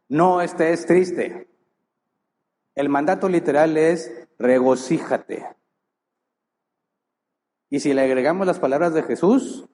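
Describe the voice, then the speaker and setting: A man's voice: a little high, darkish tone. A man preaching a sermon as pastor, emphatic, full of rhetorical questions. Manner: rhetorical questions, emphatic, acts out short quoted lines. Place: church hall. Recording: long hall reverb.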